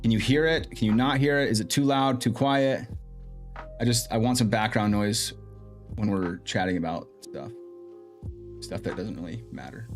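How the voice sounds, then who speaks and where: A man with a fairly low voice speaks at normal speed while hosting a relaxed stream, thinking aloud in a chatty way as he works on his audio. He talks into a streaming mic with in-ear monitoring, faint music behind him.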